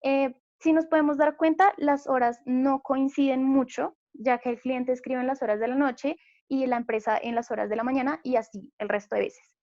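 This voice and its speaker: A woman's voice: high voice, fairly even intonation, moderate pace, darkish tone, no echo. A young Colombian woman giving a class presentation, explaining step by step with frequent fillers. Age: young adult. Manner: explanatory, many fillers like eh and pues. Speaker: student presenter. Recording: dull lo-fi recording.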